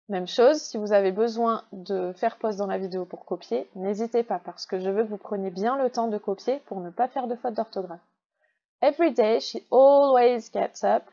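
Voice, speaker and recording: French teacher slowly modelling English words. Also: female voice, medium pitch, darkish tone, highs cut off. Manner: patient, explains step by step, slows down to model pronunciation. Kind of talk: recorded online class explanation.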